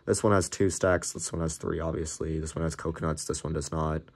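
Showing off a toy build at a table in a small room, this young Lego YouTuber talks a little fast in a flat, deep voice that's cracked and slightly hoarse. He rambles casually, with many fillers and restarts. The camera is filming his hands over a desk.

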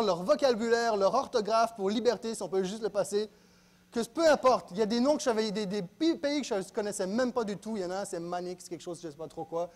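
A man preaching a sermon in a church, dropping to quiet asides and then rising to loud exclaims. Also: sits high. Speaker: pastor.

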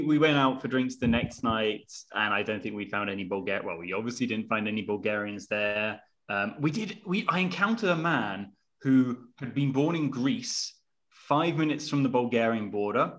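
A young man co-hosting a podcast, telling a story in an animated, self-mocking way over a video call from home. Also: medium pitch. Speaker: podcast co-host. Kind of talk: casual storytelling. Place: room at home.

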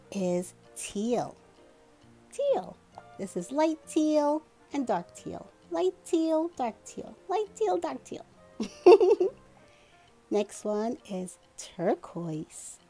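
Woman, toddler-show host. Very slow, high voice, gushing sing-song delivery. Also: warm tone. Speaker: children's video host. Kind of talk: toddler learning lesson with a puppet.

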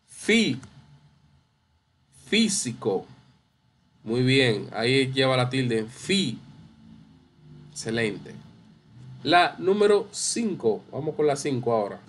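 A man teaching a spelling class, drawing out syllables slowly and repeating words to stress them. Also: mid-range voice. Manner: slow, drawn-out syllables, repeats words for emphasis. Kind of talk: online class correcting exercises.

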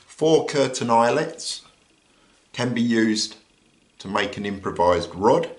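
An older British man, easygoing and relaxed, walks through a survival kit item by item at a table indoors, often pausing with an "uh." His voice is mid-range and the room echoes; an overhead camera shows only his hands, with him off frame.

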